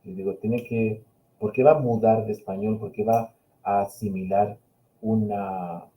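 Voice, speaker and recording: In a dark, steady, fairly low voice and at a slightly slow pace, a middle-aged Spanish university linguistics professor responds to webinar questions via video call, hesitant and reflective with lots of fillers. A Catalan speaker, he has an accent blending Peninsular and Chilean Spanish. Recording quality is low.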